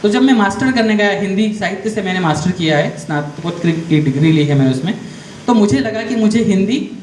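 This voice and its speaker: A man's expressive, high-pitched voice, fairly quick and darkish in tone, carries a motivational career talk for school students. He regularly asks the class questions, leaning on storytelling and step-by-step explanation. The room echoes, and there's faint background noise.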